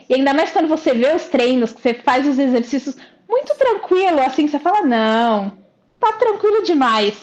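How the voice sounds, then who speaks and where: A woman's voice: high-pitched, darkish tone. Chatty Brazilian woman on muffled audio. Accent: Brazilian Portuguese. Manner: chatty, reflective, frequent hesitations. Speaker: client giving a testimonial. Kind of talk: casual interview.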